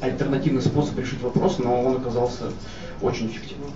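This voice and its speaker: Быстро говорящий мужчина, гулкое эхо как в пустом складе. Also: male voice, mid-range voice, fairly even intonation, fast. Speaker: event moderator. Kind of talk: informal live discussion with an audience. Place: echoey indoor hall at a live event. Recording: echoey hall, distant mic, muffled, noisy.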